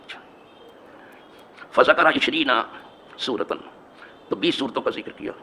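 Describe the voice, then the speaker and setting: A man's voice: mid-range voice, pushed and bright, slight background noise. A man with an Indian Urdu accent teaching hadith as a mosque imam, telling a story with asides to his listeners and building to emphatic repetition.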